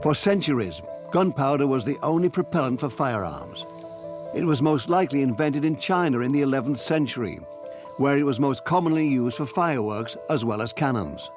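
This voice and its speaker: A man's voice: medium pitch, animated, fairly quick. Male documentary narrator over prominent music.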